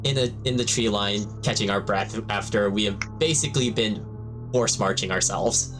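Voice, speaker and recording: A man's voice: on the low side, moderate pace, music in the background. A man playing a tabletop game, hesitant, sighing and trailing off mid-thought. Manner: hesitant, fumbling, sighs and trails off. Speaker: player. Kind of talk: tabletop role-play chat.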